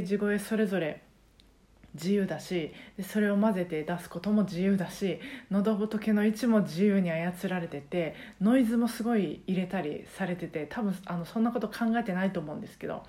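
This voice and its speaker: Woman, Kansai accent, mellow warm tone, casual solo podcast chat, lots of fillers. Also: medium pitch. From Japan. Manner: chatty, many fillers, rambling. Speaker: karaoke teacher and podcast host.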